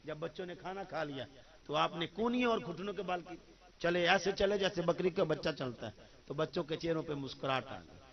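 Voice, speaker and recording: A man with a Pakistani accent giving a religious sermon, calling out to the crowd, then dropping to soft asides and reciting verses. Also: a little high, expressive, lo-fi sound. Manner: emphatic, swings between loud calls and soft asides; addresses the crowd directly, recites Arabic verses. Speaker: preacher. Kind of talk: Urdu religious sermon with storytelling.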